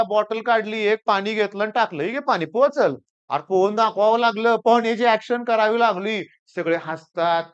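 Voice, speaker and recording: Male teacher from Maharashtra, storyteller, smooth voice, slightly lo-fi sound. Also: sits high. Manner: animated storytelling, acts out quoted students and seniors. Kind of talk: storytelling advice to students.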